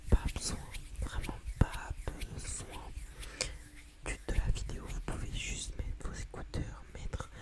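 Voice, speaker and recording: A narrator reading a children's tale in a whispered ASMR storytelling style.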